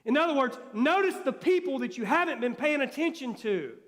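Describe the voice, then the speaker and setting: Man, pastor, high voice, folksy sermon in a church with long reverb. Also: animated, a little fast. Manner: folksy, conversational preaching with sudden soft drops. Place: church sanctuary. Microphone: live stream.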